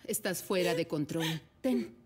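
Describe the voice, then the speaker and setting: Una actriz de doblaje que interpreta a una madre tranquila que intenta calmar a su hija. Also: female voice, fairly low pitch, measured pace, husky. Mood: calming. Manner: soothing, controlled. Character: composed mother calming her daughter. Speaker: mother. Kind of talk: dubbed drama.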